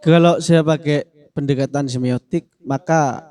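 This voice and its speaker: A man's voice: fairly high pitch, steady tone, measured pace, mellow. A man in a casual discussion, answering in a playful, joking way. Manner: playful, joking, acts out example phrases. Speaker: discussion speaker answering a question.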